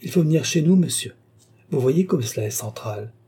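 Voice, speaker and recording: A man's voice: a little high, animated, normal speed, warm tone, slightly rough, voice pushed up. A man voicing a fawning, eager male bookseller who pushes his wares with effusive patter, in a narrated story. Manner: pushy, effusive salesman patter.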